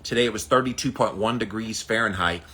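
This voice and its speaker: Speaking quickly in a lowish, bright, forceful voice, a man hosts his daily ice bath challenge livestream. The chat is casual, with viewers greeted by name and everything delivered emphatically and punchily.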